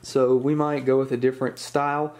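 A man's voice: medium pitch, fairly quick. Young man explaining car repair. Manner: relaxed, explanatory, with corny jokes. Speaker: car restoration vlogger. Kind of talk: hands-on how-to narration. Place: home garage.

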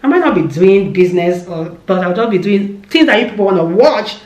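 This is a woman in her thirties, Nigerian-accented, vlogging business advice in a relaxed chat while seated in front of a camera in an indoor room lined with shelves. Her medium-pitched speech runs a little fast, animated and repetitive for emphasis, with lots of hand gestures and an echoey sound.

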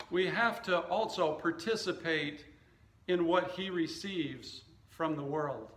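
Standing at a wooden lectern on an indoor church stage, a male pastor in his fifties gives a sermon of scripture readings and anecdotes in an echoey room. His voice is fairly bright and a little high for a man, and he speaks very slowly, placing each short phrase with deliberate care.

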